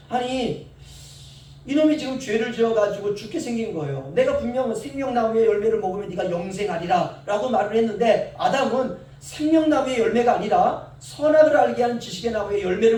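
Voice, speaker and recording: A middle-aged male pastor preaching a sermon. He swings between soft asides and loud, drawn-out calls. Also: very high voice. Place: church sanctuary. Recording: echoey church, mic at a distance.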